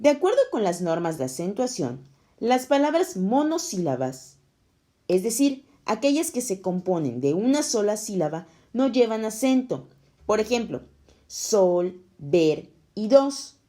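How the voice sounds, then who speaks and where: Slow, lively-voiced woman teaching children. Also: mid-range voice. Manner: slow, clear, explaining to children. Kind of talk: scripted lesson narration.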